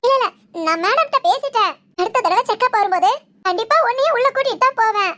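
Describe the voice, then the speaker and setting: A woman's voice: extremely high pitch, lively intonation, fast talker, a bit bright. A woman playing a young pregnant wife who is overjoyed and weepy, crying and laughing as she talks. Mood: elated. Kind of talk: village family drama acting.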